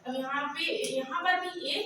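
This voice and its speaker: A woman teaching a math lesson who keeps asking questions and answering them herself, drawing out formulas slowly as she dictates them. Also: high-pitched, bright, forceful tone, a little hiss or hum. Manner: slow, drawn-out dictation of formulas. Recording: very echoey room, voice from far off.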